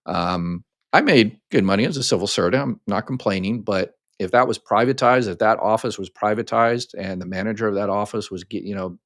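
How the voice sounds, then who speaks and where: An older man from the United States, with a very low, deep voice, hosts a live Q&A chat and answers viewer questions in a loose, rambling style. He goes step by step, casually, with lots of ums and restarts, and talks a little fast. The audio is close and dry, with hardly any room echo.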